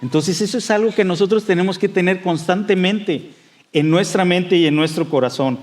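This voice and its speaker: A man preaches a sermon in a fairly high voice. He talks conversationally, with many fillers and restarts, and acts out the voices he quotes with rising excitement. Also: moderate pace. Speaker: pastor.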